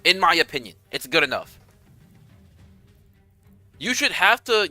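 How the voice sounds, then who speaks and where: A young man chatting casually with his viewers on a game stream, animated and rambling, swearing freely. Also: on the high side.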